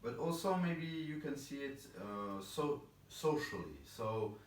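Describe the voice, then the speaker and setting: A man's voice: medium pitch, animated, slow. A man from England giving casual interview answers, thoughtful and rambling with many fillers and a self-deprecating touch. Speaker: interview guest, chess boxer. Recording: roomy, distant, faint background noise.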